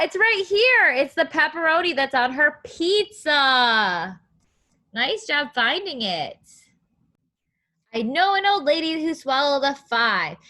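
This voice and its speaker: A preschool teacher's voice, high-pitched and sharp, carries a read-aloud for young kids. She quizzes them and counts with encouragement, in a sing-song rhythm built on plain, simple words.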